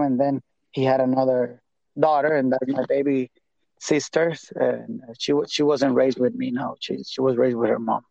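A man in his thirties from Puerto Rico, an evangelist minister speaking English with a Puerto Rican Spanish accent, talking haltingly and repeating words as he searches for them in a casual interview. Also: a little high, gravelly, a little mellow, no echo. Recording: dull lo-fi sound.

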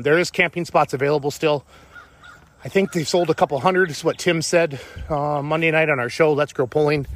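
A man's voice: medium pitch, bright, forceful tone. A man, out of breath, giving a rambling, upbeat casual update and often correcting himself. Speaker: tractor pulling team owner.

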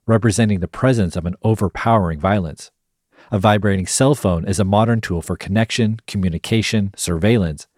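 A man hosting a podcast, narrating a scripted analysis in a measured, explanatory way. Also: low voice, a little mellow, no echo, clean studio sound. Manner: measured, explanatory, reads quotes aloud. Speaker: podcast host.

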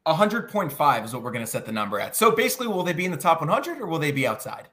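A man hosting a college sports podcast, walking through numbers and steering the segment in a lively, conversational way. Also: on the high side, racing. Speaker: podcast host.

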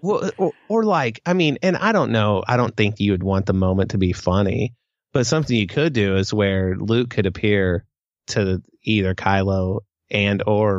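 This fairly low-pitched man co-hosts a podcast, thinking aloud and hedging his way through a casual fan discussion. The lo-fi recording has no room sound.

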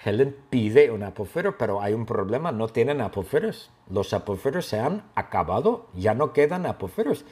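A man telling a simple story for language learners, lively and playful, with his own sound effects. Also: on the low side, moderate pace, hardly any pauses. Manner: animated, makes gun sound effects. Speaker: language teacher.

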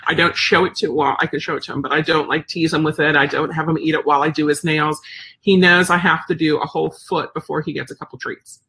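A woman's voice: low-pitched, steady tone, quick pace, pushed and bright, a little hiss or hum. A woman chatting casually about her service dog, rambling with lots of ums and likes. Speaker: service dog handler sharing updates. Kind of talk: casual chat.

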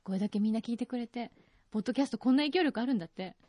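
A woman's voice: fairly high pitch, very fast, warm tone. A woman co-hosting a radio podcast in a studio, chatting casually and teasing with frequent laughter. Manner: playful, teasing, laughs often.

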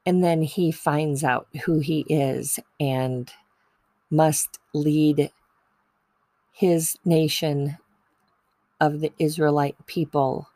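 A woman's voice: low voice, fairly even intonation, drawn-out words, pauses often, dark tone, no room sound. A woman giving a casual, chatty devotional talk, digressing and correcting herself as she retells Bible stories. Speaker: speaker sharing Bible stories about mothers.

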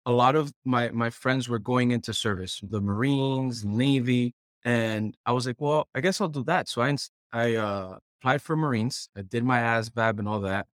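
A Puerto Rican chef and culinary director, a guest in an interview, tells stories casually in a mid-range voice at normal speed with few pauses. He often voices quoted remarks from himself and others as he recounts. The recording is studio quality with no echo.

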